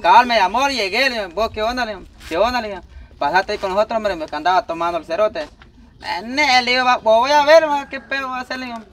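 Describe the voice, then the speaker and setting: A man's voice: sits high, quick pace, fairly bright tone, distant mic. A young man playing a defensive, gossiping workmate in a comedy sketch, swearing and rambling through retold quotes.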